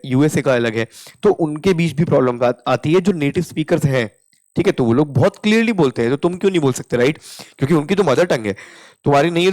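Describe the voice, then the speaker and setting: A young man with an Indian accent, teaching spoken English in a casual lesson, mixing Hindi with English and repeating example sentences slowly. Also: mid-range voice, darkish tone.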